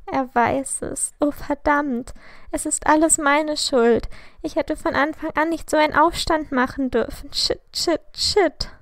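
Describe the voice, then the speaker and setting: A flustered teenage schoolgirl mutters in breathless panic, as a woman reading a story puts her on. The voice rises well above the narrator's, quick and pitched high with nerves, with a trace of gravel. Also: steady tone, no echo, clean studio sound. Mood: panicked.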